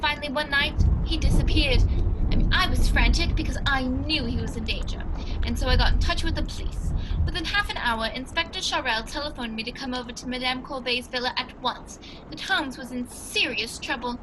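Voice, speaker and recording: A woman's voice: high-pitched, fairly quick, noisy background, lightly acted. A woman playing a genial old English doctor who tells a mystery tale in an earnest, old-fashioned 1940s radio style. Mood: grave storytelling.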